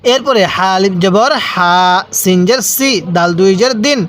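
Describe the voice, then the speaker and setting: A man's voice: sits high, normal speed, fairly bright tone, a little hiss or hum. A man teaching Quran reading from Bangladesh. He spells out letters and vowel marks, stretches the long syllables, and has the listener repeat after him. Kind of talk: step-by-step recitation lesson.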